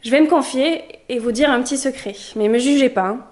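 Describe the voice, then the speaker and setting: A young woman vlogging in a lively, chatty way, telling stories to her viewers. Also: sits high, fairly quick. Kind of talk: casual vlog monologue.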